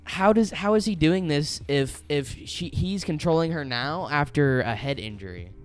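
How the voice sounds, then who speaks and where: A man's voice: a little high, normal speed. Young man, podcast co-host, rambling, swears casually, faint music behind. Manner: rambling, animated retelling with swearing. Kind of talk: casual chat. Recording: faint music under the voices. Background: faint background music.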